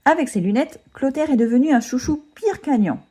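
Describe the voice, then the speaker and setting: A woman voicing an eager schoolboy ringleader who rallies his friends excitedly. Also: high-pitched, a little fast, breathy edge, pitched above the performer's own voice. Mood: rallying. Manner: excited, rallying.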